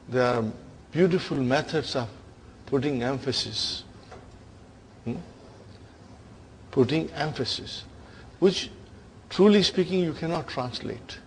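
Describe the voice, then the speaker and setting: A man's voice: mid-range voice, vocal fry, a little hiss or hum. A man teaching an Arabic grammar lesson, engaging his class with frequent check-in questions and addressing them as brothers and sisters.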